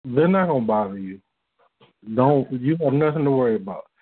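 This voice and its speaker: A man on a phone call, speaking hesitantly and reassuringly with halting restarts. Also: mid-range voice, lively intonation, husky. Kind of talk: phone conversation. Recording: tinny phone line.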